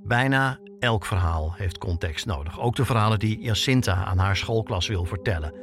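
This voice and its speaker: Speaking at a moderate pace, this man's voice sits on the low side. He's a podcast host and reporter narrating a scripted documentary as a story, posing rhetorical questions as he goes.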